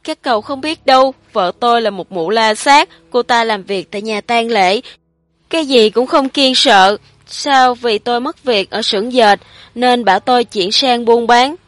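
A woman's voice: a little high, normal speed, no room sound, lightly acted. Horror audiobook: woman reader doing a cowering middle-aged man, raised and strained, pleading through tears, dry close read. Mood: tearful confession. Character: frightened guilt-ridden middle-aged man confessing.

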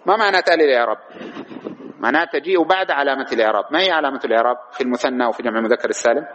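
In a dull, lo-fi lecture recording with faint background noise, a man leads a grammar class, reading and explaining the text and posing questions to students that he then answers himself. His mid-range, fairly bright voice comes rapid-fire.

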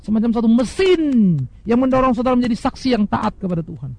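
A man preaching a sermon, addressing his listeners directly, swinging between loud emphatic highs and soft, hushed lows and acting out quoted speakers. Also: fast, creaky, dry recording, low-quality recording. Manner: mimics imagined speakers in quoted asides. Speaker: pastor.

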